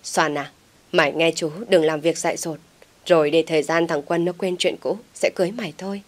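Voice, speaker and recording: A woman voicing a scheming middle-aged uncle who coaxes his niece in a quick, persuading tone, in an audiobook story. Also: low voice, steady tone, close to an everyday voice. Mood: coaxing.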